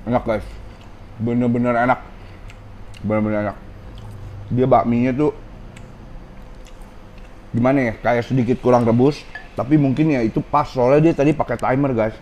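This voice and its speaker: Reviewing ramen in a restaurant for a casual vlog, this man talks to his audience between bites, often calling them "guys." His mid-range, darkish voice stays fairly even at a normal speed with frequent pauses, a slightly sore throat, and lo-fi audio carrying a little hiss or hum.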